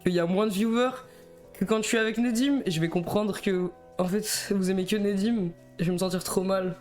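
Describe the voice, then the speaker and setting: A man's voice: high-pitched, steady tone, fairly quick, a little mellow, soft background music. A young man with a Belgian French accent streaming alone, chatting in a rambling, nervous way, stammering and often laughing. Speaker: livestreamer. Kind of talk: casual live-stream chat.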